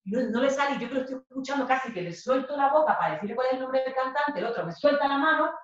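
A woman from Spain performing a theatrical monologue, animated, acting out scenes and bursting into shouts. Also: sits high, rapid-fire. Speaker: theatre performer giving a talk. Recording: echoey room, distant dull mic.

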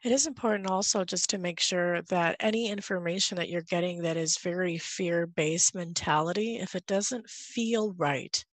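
Recorded dry, her lowish voice moves at a normal speed with few pauses. She is in her thirties and from Guatemala, a podcaster guesting on a casual video-call interview from a home room, wearing a headset and speaking earnestly with frequent fillers.

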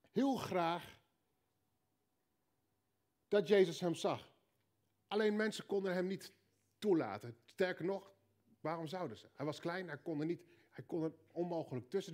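A man with a Dutch accent preaching a sermon, telling a story with punchy repeated lines and quiet joking asides. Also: high-pitched. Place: church hall.

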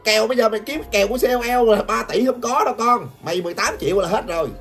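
A woman's voice: fairly high pitch, rapid-fire, breathy edge. An older woman giving taunting gossip commentary, laughing often and constantly addressing her viewers. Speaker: gossip vlogger. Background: background music.

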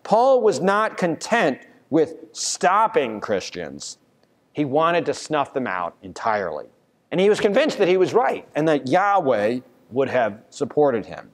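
Pastor preaching in a reverberant church. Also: male voice, on the high side. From United States. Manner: earnest storytelling, with restarts and fillers. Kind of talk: sermon. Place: church sanctuary, at a pulpit. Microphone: pulpit mic from a far camera.

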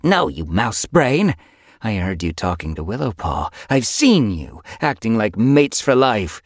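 A man's voice: on the low side, big pitch swings, a little slow, dry recording, clean studio sound, pitched above the performer's own voice, heavily acted. A man voicing a vicious female ghost cat from an audiobook, harsh and contemptuous as she bullies a young warrior. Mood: scolding, furious.

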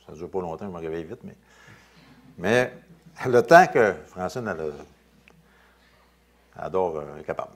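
A male pastor with a Quebec French accent preaching a sermon, reading scripture aloud and commenting in quieter, casual asides. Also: low-pitched, normal speed, pauses often. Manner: lively preaching, rising loud on scripture then dropping to quiet asides.

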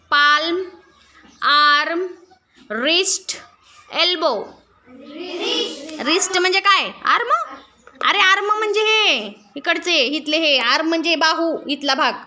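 A woman teaching a class, who explains each word slowly and drills the students with questions. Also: high voice, sharp tone. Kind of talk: classroom lesson.

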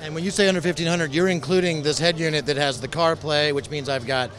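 A man in his forties with a slightly high voice hosts a casual interview. He is friendly and informal, speaking into a handheld mic at an indoor trade show booth. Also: steady tone, fast talker, fairly bright tone. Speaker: video host and interviewer. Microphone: handheld interview microphone.

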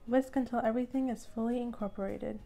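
A woman's voice: fairly high pitch, fairly even intonation, fast talker, creaky, mellow, soft background music. A young woman hosting her own cooking channel, talking viewers through an easy recipe step by step in an upbeat, chatty way. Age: young adult. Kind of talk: friendly recipe tutorial. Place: indoor room at home.

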